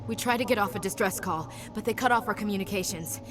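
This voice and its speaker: A woman's voice: mid-range voice, quick pace, over music, lightly acted. An actress playing a tough but shaken young female soldier in a video game, reporting in clipped military fashion over a score. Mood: grim.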